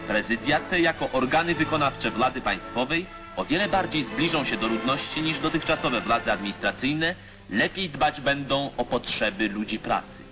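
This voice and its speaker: A man giving formal, declamatory narration for an old 1950s newsreel. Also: medium pitch. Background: music.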